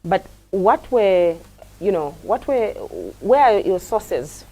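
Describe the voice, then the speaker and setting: A woman's voice: medium pitch, lively intonation, slow pace, mellow, poor audio. A woman hosting a TV studio interview, prompting with frequent murmurs of agreement. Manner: prompting, lots of mm-hmm backchannels.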